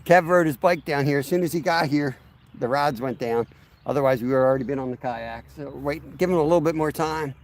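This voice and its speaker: A man's voice: fairly high pitch, a little fast. A man hosting a fishing vlog outdoors by a river, chatting easily and speaking straight to his viewers. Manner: easygoing, talks straight to viewers. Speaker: fishing channel host. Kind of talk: casual outdoor vlog chat.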